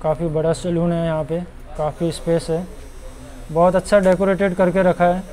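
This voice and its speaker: A man's voice: a little high, level tone, normal speed, a little mellow, low-quality recording. A young man vlogging a walking tour of a market, chatting and pointing things out to viewers, recorded on a lapel mic outdoors and in shops. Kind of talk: casual walking-tour vlog. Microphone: clip-on lapel mic.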